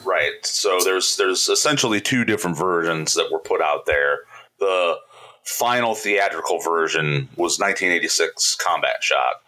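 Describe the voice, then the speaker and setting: Man, podcast co-host, bright tense voice, lowish pitch, playful, laughs a lot. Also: lively intonation, moderate pace, rough recording. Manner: playful, laughs often, quizzes his co-host. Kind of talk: casual chat.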